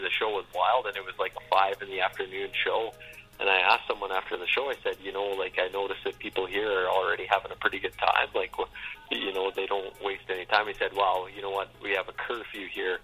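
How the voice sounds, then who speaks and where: A man with a low, bright, forceful voice and a husky edge talks as an interview guest. He speaks in an easygoing, rambling way and keeps adding little fillers. Faint music sits behind him. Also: low-quality recording. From Canada, Saskatchewan. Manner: easygoing, rambling, says "you know what I mean". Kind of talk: casual interview chat.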